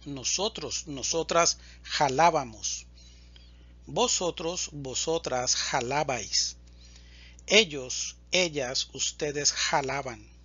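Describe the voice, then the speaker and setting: A man teaching Spanish, slowly and deliberately reciting verb conjugations in a drill. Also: fairly high pitch, pushed and bright, breathy edge, muffled recording. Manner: deliberate, enunciates each word.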